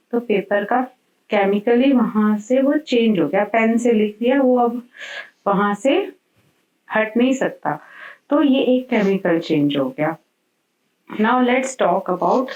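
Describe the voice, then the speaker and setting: A woman teacher giving a school science lesson, explaining slowly and mixing English terms into her talk. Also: mid-range voice, reverberant, far from the mic, muffled recording.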